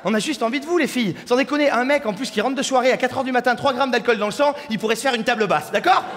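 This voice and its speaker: High-pitched fast-talking young comedian. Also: male voice, very noisy. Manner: rowdy, crude banter with the crowd. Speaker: stand-up comedian. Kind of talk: stand-up comedy set. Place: large comedy hall with audience. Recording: live hall reverb with faint crowd ambience.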